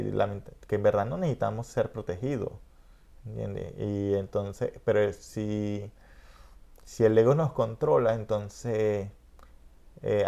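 Gravelly low-voiced Venezuelan man. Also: warm tone. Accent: Venezuelan Spanish. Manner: reflective, rambling, frequent "¿entiendes?". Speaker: podcast host. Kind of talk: casual conversation.

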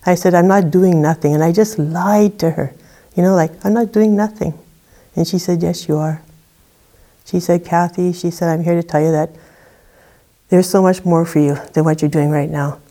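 Low-voiced woman sharing her testimony. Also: steady tone, normal speed, dark tone. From Saskatchewan, Canada. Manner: conversational storytelling with many "you know" and "like" fillers. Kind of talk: personal testimony.

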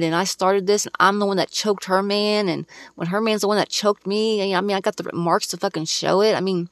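Angry woman podcaster, foul-mouthed monologue, gravelly voice, mid-range pitch. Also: no room sound, studio quality. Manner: angry, profane and emphatic. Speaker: podcast host. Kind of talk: casual ranting monologue.

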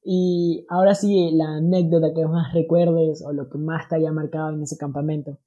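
A podcast host with a mid-pitched voice asks relaxed interview questions. The host reacts to the guest's stories with easy laughter. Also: normal speed, lo-fi sound.

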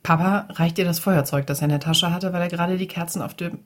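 A woman's voice: fairly low pitch, steady tone, fast talker. A woman narrating a children's story in a chatty, casual way, often turning to talk to the listeners. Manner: chatty, addresses listeners directly.

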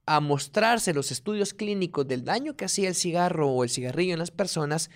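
A man co-hosting a casual conversation with his partner, explaining things calmly and listing examples. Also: fairly high pitch, fairly quick. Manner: calm, explanatory, lists examples. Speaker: podcast co-host.

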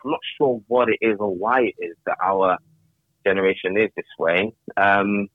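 A young man appears as a guest in a casual podcast conversation, sounding reflective and hesitant and often repeating words while he thinks. His voice is on the low side at normal speed, with phone-quality sound and no room echo.

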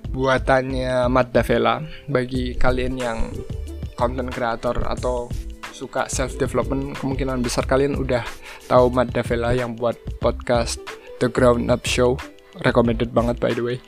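A young man hosting a casual solo podcast, talking in a relaxed way and slipping in English phrases. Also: mid-range voice, measured pace, music in the background. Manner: relaxed, mixes English phrases, frequent fillers. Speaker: podcast host.

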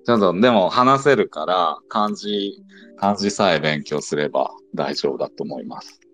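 A man's voice: sits low, expressive, moderate pace, fairly bright tone, faint music behind. A man who teaches Japanese in the United States, patiently explaining things in a casual online audio chat.

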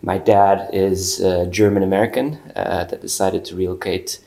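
A man's voice: low-pitched, steady tone, moderate pace, vocal fry, mellow. A man, a guest chatting casually in an interview, easygoing and full of fillers. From Portugal. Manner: easygoing, many fillers and restarts.

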